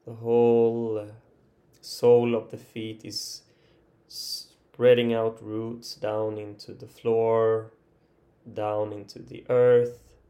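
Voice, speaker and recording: With a lowish voice and a completely flat delivery, a man improvises a guided body relaxation as a meditation teacher. His speech is gentle and halting, broken by long pauses.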